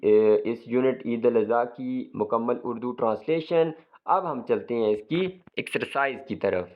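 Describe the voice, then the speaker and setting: A male teacher explaining an English lesson in Urdu, reading English slowly and then explaining it quickly. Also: medium pitch. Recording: tinny phone-like audio.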